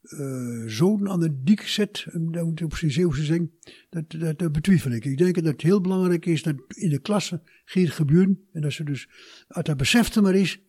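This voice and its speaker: An older man speaks with a Twente Dutch accent in an interview. His voice is husky and soft-edged, set a little high for a man. He talks haltingly, doubling back on words as he looks for the right phrase. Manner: halting, repeats words while searching for phrasing. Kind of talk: conversational interview.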